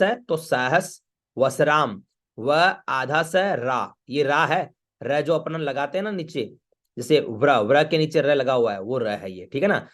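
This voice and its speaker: Male recitation teacher, slightly high, measured and slow, repeats lines for students over a call. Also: fairly bright tone. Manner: chants verses slowly, then explains syllable by syllable; patient, repeats with frequent check-ins. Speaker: Vedic chanting teacher. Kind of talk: online class, recitation lesson.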